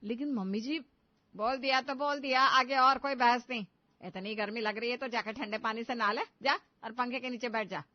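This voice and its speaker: A woman voicing a stern, stingy older mother-in-law in an animated story, talking in a bossy, scolding way. The sound is dull and lo-fi. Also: on the high side, fairly quick, few pauses, no room sound, natural voice.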